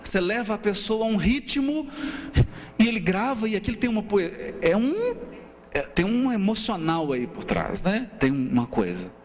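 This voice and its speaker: A man's voice: high voice, moderate pace. A man with a Brazilian Portuguese accent giving a seminar lecture, asking rhetorical questions and counting out rhythms. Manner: animated, asks rhetorical questions, often adds "né?". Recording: reverberant hall, faint hum.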